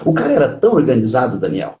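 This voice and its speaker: Pastor telling stories in a roomy space. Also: male voice, mid-range voice, wildly swooping pitch, very fast, mellow, muffled recording. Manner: storytelling, laughs often, acts out quotes. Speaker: pastor and couples therapist. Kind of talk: casual chat on a live stream. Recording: roomy echo.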